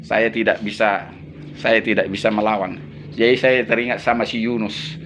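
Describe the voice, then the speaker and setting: Speaking on the low side in a steady, slightly bright tone, a missionary pastor talks at a moderate pace with slight background noise. He chats casually through stories, laughing often and acting out what others said.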